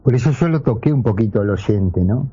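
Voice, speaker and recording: A man's voice: mid-range voice, lively intonation, a little fast, warm tone, breathy edge. A middle-aged man with a Uruguayan Spanish accent, hosting a radio show in casual talk, ironic and full of rhetorical questions. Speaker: radio host. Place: radio studio. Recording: dull AM radio broadcast.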